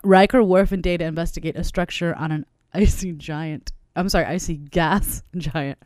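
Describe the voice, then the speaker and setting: A woman's voice: lowish voice, steady tone, normal speed, darkish tone, no echo, studio quality. A woman co-hosting a podcast in casual banter, laughing often and retelling stories. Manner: laughs often, tells stories with quoted voices. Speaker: podcast co-host.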